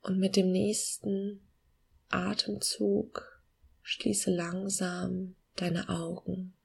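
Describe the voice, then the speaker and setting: A woman guiding a meditation in a soft, hushed, soothing near-whisper with long pauses and a breathy voice. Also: lowish voice, level tone. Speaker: podcast host guiding a meditation.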